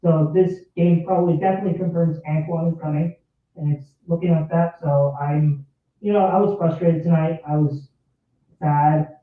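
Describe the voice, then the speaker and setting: A man's voice: a little high, steady tone, normal speed. A man calling in to a live show who sounds like he is at the bottom of a well, rambling and restarting his points with "look". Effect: sounds like down a well, tunnel-like echo. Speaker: caller. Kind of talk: fan venting on a call-in. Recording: distant echoey lo-fi call line.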